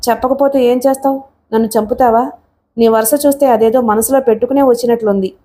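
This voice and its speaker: A woman's voice: on the high side, steady tone, quick pace, mellow, lightly acted. A woman voicing a frail, cowering old man who pleads in a faltering voice and then shrieks in panic, in a storybook reading. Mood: disgusted.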